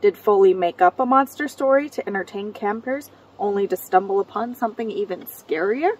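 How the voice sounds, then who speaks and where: A woman from Michigan reads local legends aloud outdoors on a cold night. Her delivery is steady and measured, and her voice is slightly husky. She sits at a distance from the mic. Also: medium pitch. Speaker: co-host of a ghost story show.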